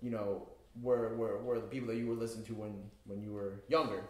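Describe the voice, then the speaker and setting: A man hosts a casual hip-hop interview in an echoey studio room, talking with hype and enthusiasm. His voice is fairly low with a darkish tone, and he speaks fast with a flat delivery.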